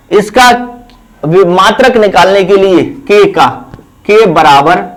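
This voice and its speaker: A man teaches a chemistry exam lesson in a fairly high voice. He talks slowly and steadily, repeating terms and asking the class questions that he answers right away. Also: low-quality recording. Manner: slow, repetitive, asks rhetorical questions then answers them. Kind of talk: exam-prep lesson explaining at a board.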